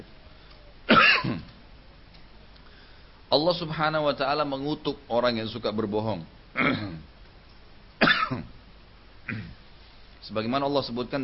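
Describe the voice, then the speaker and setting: A male preacher giving an Islamic lecture in a relaxed, conversational way, often closing his points with short tag phrases. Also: mid-range voice. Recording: dull lo-fi recording with faint hiss.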